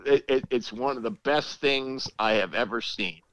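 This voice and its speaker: A middle-aged man chatting casually as a sports commentator, emphatic and halting, often repeating words as he makes his point. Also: mid-range voice, fairly bright tone, no echo.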